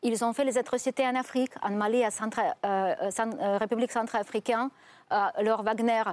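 A woman's voice: a little high, fairly even intonation, a little fast, darkish tone, dry recording. A woman, a guest in a studio debate, speaking earnestly with many hesitations.

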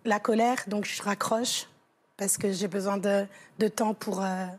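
A talk show guest from France shares an emotional personal story in a TV studio interview, wandering through it with fillers and false starts. She speaks unhurriedly, at a medium pitch with a steady tone.

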